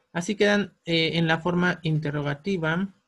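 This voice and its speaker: In a recorded English grammar lesson, a man explains patiently, step by step, and slows down when giving the English examples. His voice is high and a bit bright.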